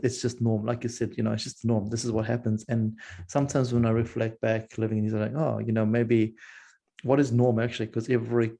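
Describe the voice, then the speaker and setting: A man's voice: mid-range voice, creaky, dark tone. A man from Zimbabwe, hosting a casual interview podcast and eagerly affirming his guest. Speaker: podcast host.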